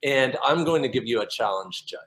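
Guy running a fun author interview, mid-pitched, laughs a lot. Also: lively intonation, fairly quick, a crowd in the background, poor audio. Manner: upbeat, playful questioner who laughs often. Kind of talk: casual interview.

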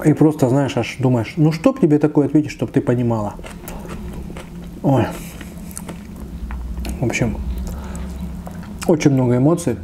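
A man's voice: medium pitch, moderate pace, pauses often, background noise. A man in his thirties doing a casual mukbang, chatting between bites with his mouth full. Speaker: mukbang eating-show host. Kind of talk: casual mukbang chat while eating. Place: small indoor room, seated at a table.

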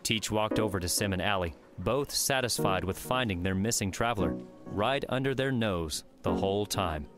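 A man narrating an audiobook in steady, even storytelling. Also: lowish voice, normal speed, over music. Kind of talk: scripted narration.

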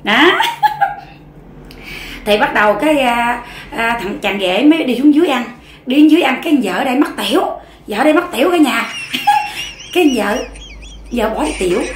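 A high, lively woman's voice with a Southern Vietnamese accent, telling a joke to her viewers in a chatty, giggly way. Her pitch rises and falls a lot. The recording is roomy, with faint room noise behind her. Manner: chatty, giggly, many fillers. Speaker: mukbang vlogger.

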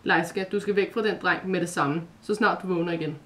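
A woman voicing a gentle, protective mother spirit in a storybook reading, speaking softly. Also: lowish voice, fairly even intonation, natural voice. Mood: tender.

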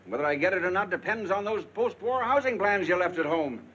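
A blustering, short-tempered boss. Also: male voice, sits high, expressive, brisk, a bit bright, muffled recording, a little hiss or hum. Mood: angry. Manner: gruff, exasperated, scolding. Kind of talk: 1940s film acting.

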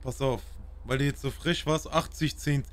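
A man's voice: mid-range voice, fairly even intonation, moderate pace. A man streaming a role-play live, talking in character in a brash, boastful, slangy way.

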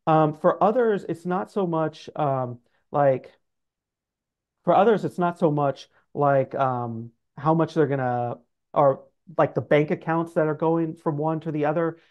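Unhurried and slightly high, with a darkish tone, the middle-aged financial adviser explains things conversationally as an interview guest. He hedges a lot with "like" and "sort of," speaking over a video call from an indoor office whose audio sounds dull.

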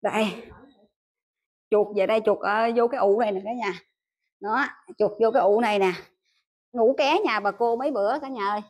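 A woman with a Southern Vietnamese accent, a vlogger mother chatting casually to her viewers as she rides a motorbike on a dark country road at night. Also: a little high, fairly quick, pauses often, dry recording. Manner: chatty, keeps addressing viewers as family. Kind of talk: casual vlog narration to viewers. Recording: noisy outdoor road recording.

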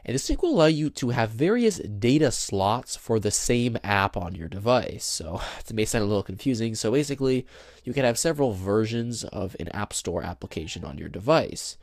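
Sitting at a table indoors, a young tech tutorial host films a handheld phone with the camera mic behind it and chats through a casual screen-demo, step by step. His low, slightly gravelly voice is very animated at a moderate pace, peppered with fillers and the odd embarrassed chuckle, and the recording is dry without echo.

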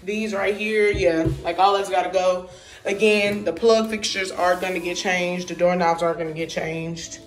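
A chatty woman vlogger tours an empty apartment, filming on a phone camera as she walks and addressing viewers directly with informal slang. Her voice sits on the low side, with a steady tone and moderate pace, and faint music plays behind her.

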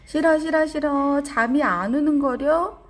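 A woman voicing a shrill defiant little kid. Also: a little slow. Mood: whiny. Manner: high whiny shouting. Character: defiant little child who won't sleep.

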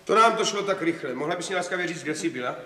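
An actor playing a quick-tempered middle-aged husband and father who keeps demanding answers and lectures his family, in an old TV comedy. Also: fairly high pitch, expressive, pushed and bright. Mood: exasperated. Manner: indignant, interrogating, lecturing. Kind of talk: 1970s TV comedy acting. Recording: echoey old TV soundtrack.

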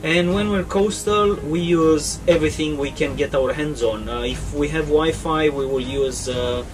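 Higher-voiced man with many fillers. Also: a little slow, recorded from a distance. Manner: fluent, upbeat, many uh fillers. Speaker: interviewed sailor. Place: inside a boat saloon.

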